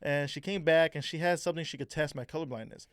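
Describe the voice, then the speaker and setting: Animated young man telling stories. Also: fairly high pitch, quick pace, clear, resonant tone, dry recording, clean studio sound. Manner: animated storyteller, slangy, acts out quotes. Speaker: co-host. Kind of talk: casual chat.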